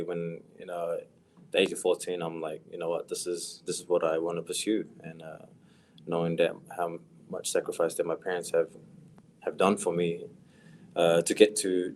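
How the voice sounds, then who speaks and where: A young man from New Zealand with a New Zealand accent, a footballer chatting casually in a podcast interview, soft-spoken with a voice that trails off quietly. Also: sits low, slight background noise. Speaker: professional footballer guest.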